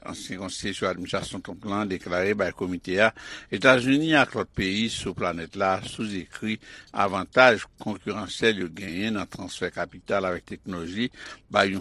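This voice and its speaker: Low husky male news reporter. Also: sharp tone, no echo.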